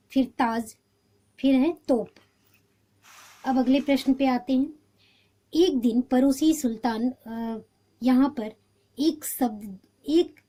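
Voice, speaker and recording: Patient woman teacher, mellow voice. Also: fairly high pitch. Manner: patient, explains step by step. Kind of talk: homework walkthrough lesson.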